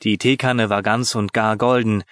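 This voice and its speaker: A man reading a children's story aloud, expressive and measured. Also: lowish voice, no echo, clean studio sound. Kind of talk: scripted narration.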